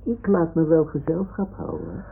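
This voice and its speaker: For a 1960s-70s Dutch radio play, a man heavily acts a boastful toy lion posing as a sea lion and an old retired sea captain, declaring things in a boastful, dreamy mood. His voice is a little high, gravelly and husky, with huge pitch swings at normal speed, heard through a muffled, phone-like old recording.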